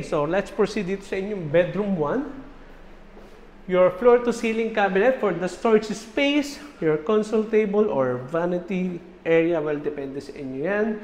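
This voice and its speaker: A man's voice: on the high side, a little mellow. A man in his forties with a Filipino accent, an upbeat real estate host who walks through a house and lists its features, switching between English and Tagalog on a lapel mic. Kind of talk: walking house tour narration. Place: large empty house with bare hard walls. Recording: lingering hall reverb, faint room hiss.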